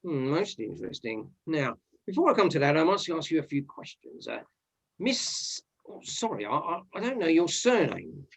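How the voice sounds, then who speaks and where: A man playing a fumbling, halting police inspector. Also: on the high side, big pitch swings, vocal fry, slightly rough, heavily acted. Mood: inquiring. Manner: hesitant, halting, polite formal address. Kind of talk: stage murder-mystery acting.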